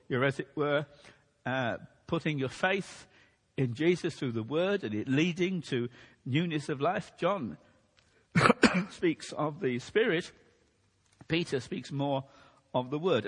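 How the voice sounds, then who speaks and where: A man preaching a sermon in a measured teaching manner, losing his voice a bit. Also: fairly high pitch, fairly bright tone, slightly rough. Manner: measured teaching delivery, occasional restarts. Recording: long hall reverb.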